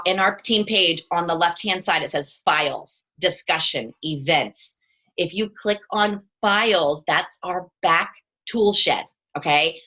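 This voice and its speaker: A woman's voice: lowish voice, pushed and bright, rough recording. A woman leading a live coaching chat with her team from home, upbeat and chatty and often checking in with "okay?".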